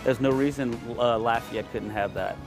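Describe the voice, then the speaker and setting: A man's voice: medium pitch, steady tone, normal speed, music in the background. A man, a producer, speaking earnestly and persuasively in an interview.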